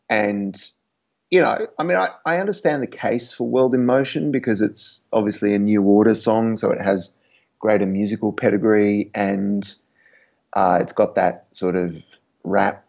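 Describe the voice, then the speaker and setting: A man with a creaky, husky voice, co-hosting a casual sports podcast. He rambles, hesitates with plenty of fillers and breaks into laughs as he talks. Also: lowish voice, fairly even intonation, measured pace, a little mellow, dull audio. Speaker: podcast co-host.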